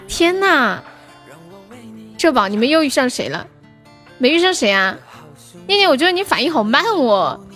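Young woman, livestream host, high pitched voice, chatty and laughing, casual chat, faint music behind. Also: fairly bright tone. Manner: chatty, laughs often, reads out viewer names.

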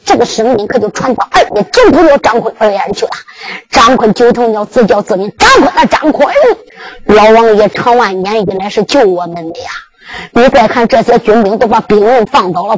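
A woman's voice: fairly high pitch, lively intonation, a little fast, slightly rough, low-quality recording. A woman with a Henan accent narrating in the emphatic, sung-spoken style of Henan zhuizi storytelling.

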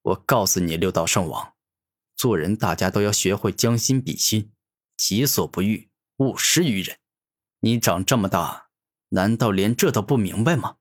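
A man voicing a cocky young male hero who taunts his enemy, with a husky voice. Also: fairly low pitch, expressive, moderate pace. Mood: lecturing. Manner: taunting, sneering.

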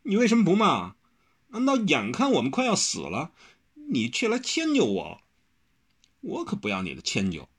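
A man voicing a petulant, sharp-tongued young swordsman who fusses, whines and protests. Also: deep voice, wildly swooping pitch, husky, exaggerated voice. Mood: indignant. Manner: fussy, whiny, quick to protest.

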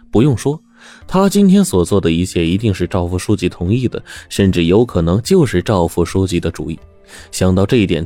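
Deep-voiced male storyteller. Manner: expressive, acting out the dialogue. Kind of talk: dramatic storytelling.

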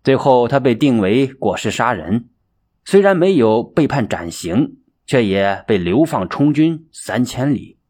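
A male storyteller narrates a folk tale with dramatic expression and a lively, wide-ranging voice. His tone is husky and breathy at a middle pitch. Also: measured pace. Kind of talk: audiobook storytelling.

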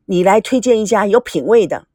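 A woman's voice: medium pitch, lively intonation, brisk, mellow, dry recording, clean studio sound, voice pushed down, close to an everyday voice. A woman voicing a charming, playful young businesswoman.

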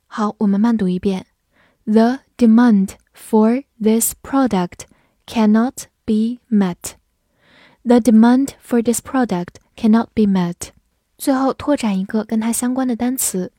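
A woman teaching English vocabulary, explaining each word clearly, spelling it letter by letter and reading example sentences slowly. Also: on the high side, mellow, no room sound, studio quality. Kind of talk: vocabulary lesson.

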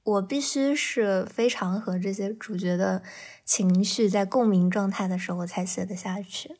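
A woman's voice: medium pitch, moderate pace, darkish tone. A woman novelist talking candidly and reflectively in a casual podcast conversation, with a laugh here and there between thoughts. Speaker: novelist guest.

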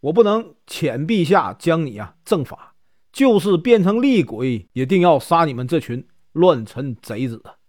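A man's voice: on the high side, very animated, moderate pace, darkish tone, no room sound, clean studio sound. A man voicing a stern, loyal old male court minister who declaims solemnly in a told story. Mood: furious.

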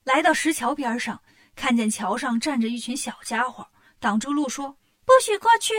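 High-voiced woman storyteller. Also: moderate pace, dry recording, clean studio sound. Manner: lively, expressive. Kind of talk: children's story narration.

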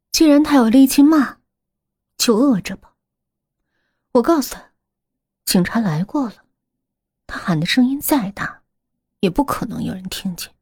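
Female horror storyteller, hushed and breathy, lively pitch swings, close and dry. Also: no echo. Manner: hushed, breathy, often whispering.

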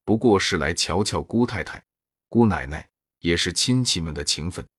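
A man's voice: sits low, animated, moderate pace, fairly bright tone, husky, no echo, clean studio sound, full character voice. A man reading a humble old countrywoman. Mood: humble, pleading.

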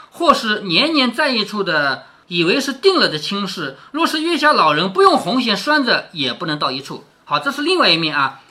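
A man reads a classic novel to his daughter and breaks off to explain it in plain, chatty words. He keeps checking in with questions, and his bright voice swoops up and down. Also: sits high. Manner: chatty, asks the listener questions. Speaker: father reading aloud to his daughter. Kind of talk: casual storytelling with explanations.

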